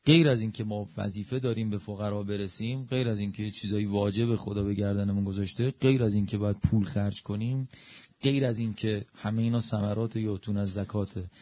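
A man preaching a religious sermon in a conversational, lively way that rises to emphatic peaks. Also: lowish voice, no echo, dull audio.

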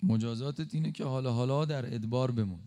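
A male preacher giving an impassioned sermon, slowing for emphatic stresses and dropping suddenly quiet. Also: medium pitch. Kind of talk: religious sermon.

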